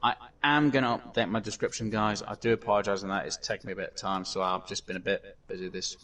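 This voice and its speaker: A man hosts a casual gameplay commentary in a low-set voice, rambling along with plenty of fillers and restarts. He sounds set back from the microphone, as if the mic sits some distance away. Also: level tone, quick pace, a bit bright. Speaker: gaming channel host.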